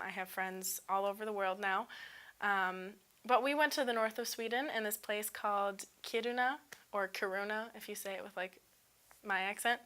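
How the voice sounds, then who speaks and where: Bright-voiced young woman student. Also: mid-range voice, smooth. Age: 20s. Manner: upbeat, casual, frequent ums and likes. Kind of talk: unscripted testimonial.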